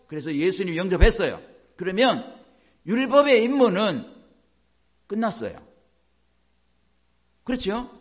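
A man's voice: high voice, fairly bright tone. A man preaching a sermon as a pastor, explaining by asking the congregation questions and acting out quoted voices.

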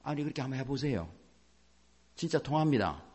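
Lively-voiced male pastor preaching. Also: medium pitch, fairly quick, husky. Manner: animated preaching, acting out inner self-talk. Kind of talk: sermon.

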